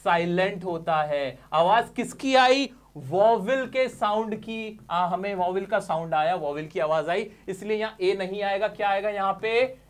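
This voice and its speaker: A man's voice: high voice, expressive, a little slow, hardly any pauses. A man teaching English grammar, explaining step by step, often asking his listeners questions and answering them himself while calling them dear friends.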